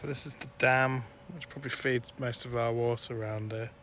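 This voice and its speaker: A man chatting casually as he films a travel vlog outdoors, relaxed and quick to laugh. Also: medium pitch. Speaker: travel vlogger. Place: outdoors at sightseeing spots. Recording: loud outdoor wind and traffic noise.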